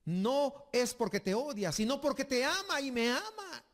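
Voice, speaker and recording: Guy preaching, pretty high voice, echoing church reverb, reads verses slow. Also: animated. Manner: emphatic preaching, slows for reading scripture aloud. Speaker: pastor. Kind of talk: sermon.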